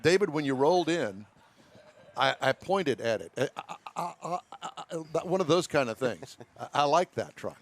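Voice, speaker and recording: A man's voice: fairly high pitch, lively intonation, moderate pace. A folksy, jokey man hosting a live radio show with casual, rambling chat. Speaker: radio car show host. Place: live remote broadcast at a car show. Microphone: broadcast headset.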